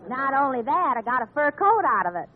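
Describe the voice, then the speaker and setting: Desert wife: wry, folksy, rough-edged high voice, 1940s radio comedy, thin broadcast sound. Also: female voice, big pitch swings, brisk, phone-quality sound, full character voice. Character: practical, wry rustic desert cabin wife.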